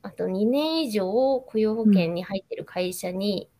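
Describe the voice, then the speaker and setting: A woman's voice: medium pitch, lively intonation, measured pace, mellow. A woman with a Nagoya accent, a makeup artist guesting on a podcast, speaking politely with hesitant fillers and a slight cough. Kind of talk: casual chat.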